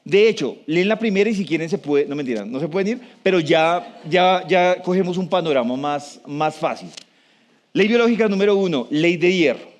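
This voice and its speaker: A man with a fairly high voice gives a talk to a live audience. He speaks conversationally, often turns to the room with questions, and slows down to stress key points. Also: animated. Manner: slows down for emphasis.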